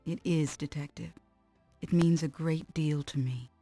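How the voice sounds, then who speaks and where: A woman's voice: sits low, fairly even intonation, a little slow, warm tone, no room sound. An actress playing a guarded, elegant wealthy woman in an adventure game, poised, cool and formal. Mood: composed. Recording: dry game audio with music. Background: game music.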